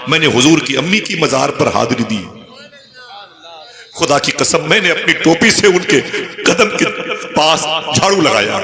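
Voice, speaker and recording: A man telling a religious story in a sermon, impassioned and rising to near-shouts on the pleas. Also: medium pitch. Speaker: preacher. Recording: echoey hall with live crowd. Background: crowd.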